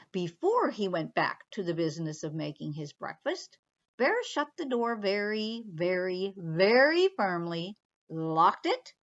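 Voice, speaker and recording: A woman's voice: medium pitch, dull audio. A woman librarian reading a picture book aloud expressively for children, stopping to talk to them directly.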